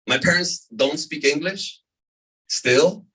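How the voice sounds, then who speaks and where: An energetic man in his thirties, from the California desert, presents a business opportunity to a live audience. He keeps repeating figures and checking in with "right?". His voice is bright and slightly husky, picked up from across the room. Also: on the high side, takes it slowly. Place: meeting room before an audience. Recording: voice from far off in a room.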